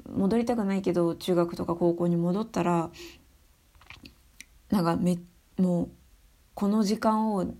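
A young adult woman giving her views in a casual spoken monologue, soft and thinking aloud with many fillers. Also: fairly low pitch. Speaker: speaker sharing views on education.

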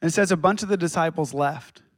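A man preaches a sermon with a fairly high voice. He leans on dramatic pauses and acts out quotes. The sound is dry and close, with little room echo. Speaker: pastor.

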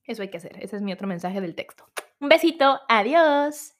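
A woman's voice: a little high, expressive, fairly quick. A young adult woman hosting her own podcast, talking casually and reflectively and often tagging her points with rhetorical questions. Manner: chatty, tags remarks with rhetorical questions. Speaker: podcast host.

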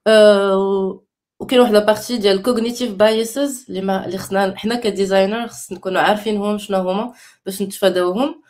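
A woman's voice: mid-range voice, fairly even intonation, quick pace, darkish tone. A woman with a Moroccan accent talking casually, mixing English and French terms into her Arabic. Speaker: panel participant sharing recommendations. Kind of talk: casual talk about design resources.

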